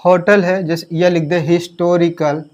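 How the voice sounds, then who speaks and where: A man teaching a grammar lesson in a high, light voice. He talks at an unhurried, steady pace and spells out each word letter by letter. He keeps asking his students questions, then answers them himself. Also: muffled recording. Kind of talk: classroom lesson explaining grammar rules.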